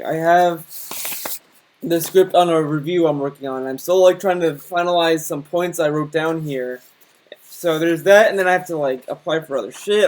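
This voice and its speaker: A young man who hosts a commentary channel rambles through a casual rant in a slightly raised, fairly high-pitched voice. He keeps restarting sentences and mocks whatever he's reacting to.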